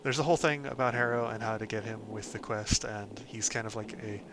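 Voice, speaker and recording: A man hosting a casual game guide, talking through a character build in a relaxed way, with frequent "um"s and "of course"s. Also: on the low side, brisk, noisy background. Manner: relaxed, lots of ums and "of course". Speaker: gaming channel host.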